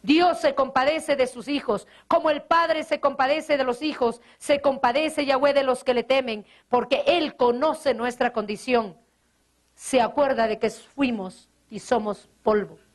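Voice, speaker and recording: High-voiced woman pastor preaching. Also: measured pace. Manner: earnest preaching with rhetorical questions and scripture quotes. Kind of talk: sermon.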